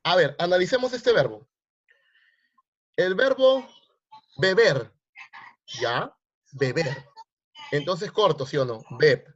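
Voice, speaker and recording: A man's voice: on the high side, big pitch swings, slow pace, long pauses. A male teacher, teaching grammar online and quizzing his students with repeated questions. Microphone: video call. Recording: lo-fi online class audio.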